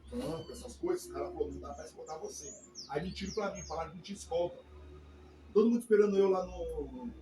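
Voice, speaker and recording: A man preaching as pastor, telling a testimony in an animated way, acting out quoted voices and calling for "amém". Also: mid-range voice, roomy sound, background noise. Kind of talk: testimony sermon to a congregation. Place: church service.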